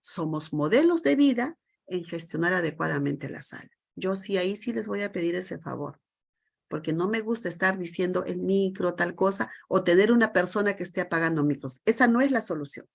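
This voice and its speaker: A woman's voice: on the low side, animated, fairly quick, vocal fry. A middle-aged woman, leading a lecture for teachers over a video call and often asking the group questions. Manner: emphatic, asks the group many rhetorical questions. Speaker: teacher trainer leading a session.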